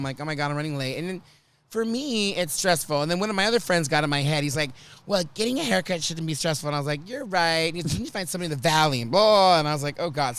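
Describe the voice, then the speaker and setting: A hungover man hosting a casual chat show, sounding rough as he tells animated, self-mocking stories and acts out what people said. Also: fairly high pitch. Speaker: talk show host. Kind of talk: casual chatty storytelling.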